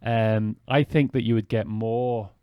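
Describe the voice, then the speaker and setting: A man's voice: fairly low pitch, fairly even intonation, unhurried, clear, resonant tone, dry recording, lo-fi sound. A man hosting a podcast, reflecting in a casual, thinking-aloud way. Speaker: podcast host. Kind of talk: casual interview chat.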